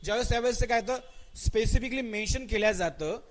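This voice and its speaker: A man with a Marathi accent teaching an English grammar exam-prep class live online. He calls on students by name, repeats his questions and answers, and drags out the example sentences slowly. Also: high-pitched. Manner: mixes English words into his speech, stretches out spoken example sentences.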